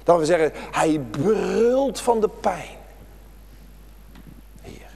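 A man delivers a sermon in a church with a long, ringing reverb. His fairly high voice moves through a wide, animated melody, climbing for emphasis and sinking to hushed, almost whispered phrases. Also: very slow, slightly rough. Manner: dramatic, swinging from raised emphasis to hushed near-whispers. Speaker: pastor.

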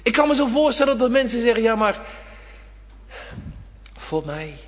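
A man preaching a sermon, impassioned, swinging from loud appeals to hushed whispers, in a church. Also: very high voice, very animated, moderate pace, slight background noise. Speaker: pastor. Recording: reverberant church hall.

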